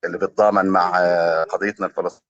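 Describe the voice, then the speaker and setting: A man with a Palestinian Arabic accent giving earnest, formal-leaning testimony, pausing often as he speaks. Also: sits low, flat delivery, fairly bright tone, no room sound, highs cut off. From Gaza, Palestine. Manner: hesitant, pausing often with fillers. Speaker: journalist being interviewed.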